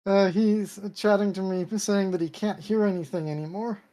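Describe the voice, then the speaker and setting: A woman guest on an online call, her voice stuffy from hay fever, calmly laying out her points with frequent ums. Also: mid-range voice, moderate pace. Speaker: guest developer.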